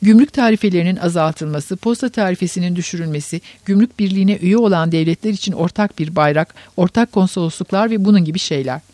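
A man's voice: sits high, fast talker, few pauses, darkish tone, no echo, lightly acted. A man voicing a boastful, self-assured male industrialist who lectures his listeners. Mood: smug.

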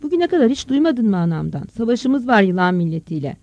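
A narrator voicing a rough, hot-tempered village farmer who shouts and scolds gruffly in an audiobook story. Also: mid-range voice, sing-song, fast, no echo. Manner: gruff, calls out loudly. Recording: dull, dry close recording.

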